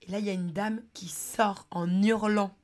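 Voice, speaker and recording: A woman's voice: medium pitch, steady tone, normal speed, a little mellow. A young adult woman hosting a podcast, telling personal anecdotes in a casual, slangy way with lots of fillers. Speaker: podcast host.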